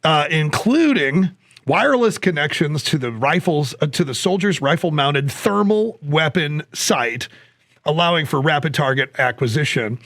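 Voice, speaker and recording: A man's voice: a little high, fairly bright tone, no echo, clean studio sound. Joking man on a podcast. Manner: joking, rambling, plugs gear sales. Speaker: podcast co-host. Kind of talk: casual chat.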